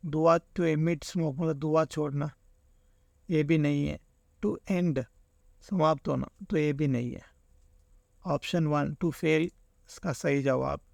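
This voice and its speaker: A man's voice: a little high, steady tone, slow, vocal fry, long pauses, darkish tone, dry recording. A man teaching an exam-prep lesson, walking through answer options and explaining each with everyday examples. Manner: explains with everyday examples, keeps saying "theek hai".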